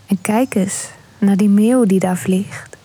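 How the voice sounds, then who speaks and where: A woman leads a guided meditation in a slow, unhurried way. Her voice is mellow and breathy, and she often drops into a hushed whisper. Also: mid-range voice, steady tone.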